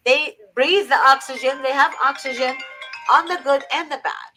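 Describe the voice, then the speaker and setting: A woman's voice: high voice, normal speed, sharp tone, soft background music, rough recording. A woman from Egypt hosting a faith-based advice talk, earnest and preachy with emphatic repetition. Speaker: host.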